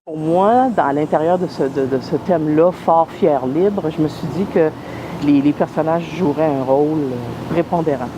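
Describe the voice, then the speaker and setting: A woman playwright, talking thoughtfully in an interview, often pausing and restarting. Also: low voice. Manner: thoughtful, hesitant, many pauses and restarts. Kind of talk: interview talk. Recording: noisy background.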